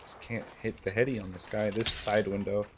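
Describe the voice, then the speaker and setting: Man, team voice chat, terse callouts, lowish voice, noisy game chat recording. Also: little pitch movement, normal speed.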